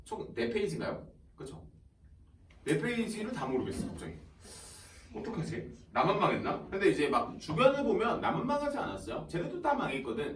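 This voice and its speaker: A male high school teacher talking casually to his students, chatty and animated, often acting out students and teachers in quoted asides and laughing along the way. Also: brisk. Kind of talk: casual classroom talk to students. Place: classroom. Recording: roomy classroom sound from a distant mic.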